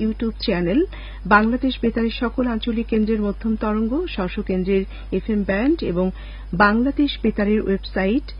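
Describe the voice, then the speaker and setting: A woman radio announcer reading a formal broadcast announcement in a measured, formal way, heard through a fading lo-fi radio broadcast. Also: mid-range voice, husky.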